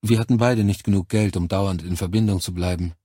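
Brief: resigned, subdued brother, read by a male narrator, low and husky. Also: steady tone, brisk, warm tone, dry recording, studio quality. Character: weary adult brother, resigned.

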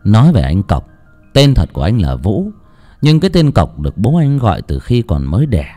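Casting: male audiobook narrator, very animated delivery, soft music underneath. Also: lowish voice, moderate pace. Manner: expressive storytelling.

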